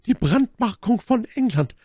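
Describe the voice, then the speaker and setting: A man's voice: high-pitched, sing-song, unhurried, dark tone, slightly rough, no echo, pitched above the performer's own voice, full character voice. Guy doing a raised-voice scheming lady, dramatic, swoops around a lot, dry close sound. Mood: indignant. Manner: heightened, dramatic pleading. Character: scheming noblewoman, proud and manipulative.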